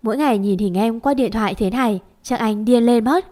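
A woman's voice: a little high, fairly quick, dark tone, close to an everyday voice. A woman voicing an earnest young man pleading tenderly with his girlfriend.

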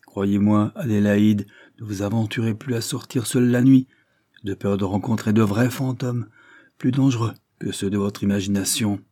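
Un homme qui lit joue un vieux lord sévère et soupçonneux qui interroge gravement sa nièce. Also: male voice, on the low side, steady tone, moderate pace, warm tone, lightly acted. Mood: grave. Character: stern elderly lord, suspicious and irritable.

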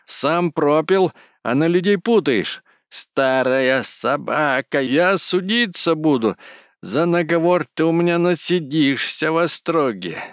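A man voicing a hot-tempered peasant man who screeches and shouts quarrelsomely. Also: a little high, animated, slow pace, clear, resonant tone, dry recording, clean studio sound, voice pushed up. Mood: yelling.

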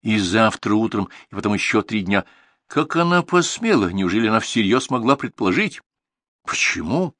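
A male reader doing a brooding man who circles his own thoughts and takes offence easily. The voice is low, with a dry, close sound. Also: very animated, moderate pace, a bit bright, no echo. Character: man, brooding, touchy, quick to anger.

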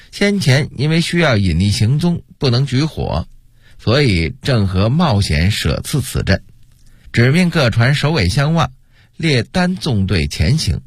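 A male storyteller narrating a historical tale for radio in an expressive, rising and falling delivery, recorded at a studio microphone. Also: lowish voice, husky, no echo.

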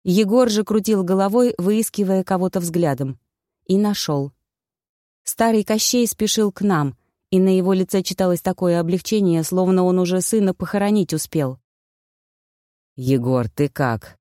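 Lady reading a fantasy audiobook, mellow low voice, dry close mic. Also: normal speed, no room sound. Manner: even storytelling, first-person heroine. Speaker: audiobook narrator. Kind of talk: scripted first-person audiobook narration.

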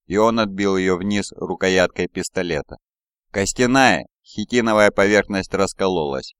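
A man reading an audiobook in a measured, dramatic narration style, on a close mic. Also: deep voice, clear, resonant tone, no room sound.

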